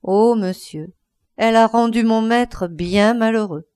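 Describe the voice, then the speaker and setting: A woman voicing an old, pious and stern female housemaid in a storybook reading, curt at first, then telling her master's story in a lowered voice. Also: a little slow, a little mellow, smooth, lightly acted. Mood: confiding. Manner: dry, curt, then confiding.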